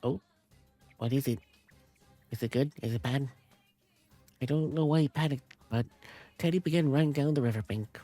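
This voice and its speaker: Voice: mid-range voice, moderate pace, pauses often, mellow, soft background music. A streamer reading game narration aloud and breaking off into giggly, chatty asides. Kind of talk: reading a visual novel aloud with commentary.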